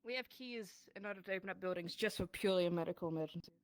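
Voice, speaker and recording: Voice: mid-range voice, rapid-fire, dry recording. A person speaking in character in a role-play, politely giving requests and organizing others.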